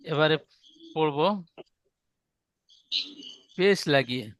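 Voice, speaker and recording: A man teaching a Quran reading class, spelling out letter sounds in a slow, patient, repetitive drill. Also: on the high side, a bit bright, smooth, no echo.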